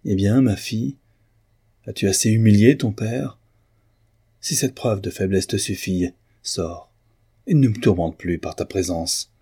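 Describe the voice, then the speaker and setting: A remorseful aristocratic father from a classic novel, torn by guilt and speaking in tormented outbursts, as a male narrator puts him on. The voice is very low and dark with a husky grain. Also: a little slow. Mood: furious. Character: anguished remorseful aristocratic father, older man.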